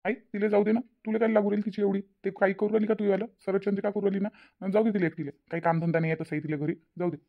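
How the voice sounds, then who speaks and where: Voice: mid-range voice, steady tone, rapid-fire, close to an everyday voice. A performer voicing a stubborn, hot-tempered adult son in a cartoon, with a Vidarbha Marathi accent. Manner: scolding, stubborn. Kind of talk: cartoon voice acting. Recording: dull lo-fi recording.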